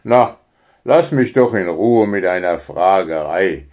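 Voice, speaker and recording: A man's voice: on the low side, animated, a little slow, a little mellow. A man voicing a grumbling, evasive male mole father in a children's storybook. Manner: grumbling, sulky.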